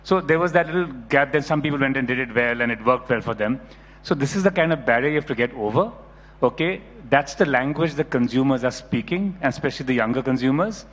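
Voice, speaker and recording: A man's voice: mid-range voice, fast, a bit bright. A middle-aged man speaking on a panel in an emphatic, lecturing way, often checking in with "right?". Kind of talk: panel discussion. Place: conference hall. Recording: reverberant conference hall.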